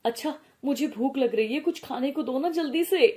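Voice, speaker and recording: A woman voicing a young husband in an animated story, mild and weary, speaking gently and pleadingly. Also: sits high, moderate pace, lightly acted.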